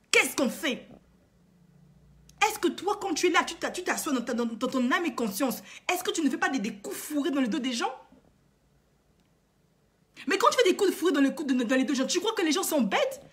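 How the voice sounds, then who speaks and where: With a high, slightly bright voice, this coach and vlogger lectures her audience indignantly. She hammers her points with emphatic rhetorical questions and repeats herself a lot in a passionate moralizing monologue.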